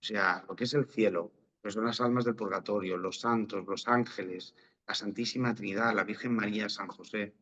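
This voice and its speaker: A man's voice: lowish voice, steady tone, moderate pace, a bit bright, breathy edge, dull audio. A priest, a man with an accent from Spain, giving an informal, explanatory religious talk and often checking in with short question tags.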